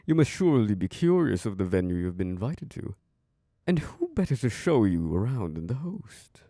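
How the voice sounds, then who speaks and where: A man with a low, gravelly voice plays an ancient, charming, possessive vampire lord hosting guests at his castle in an ASMR audio roleplay. He speaks slowly and seductively in a sing-song way, with soft chuckles, in a dry, studio-quality recording.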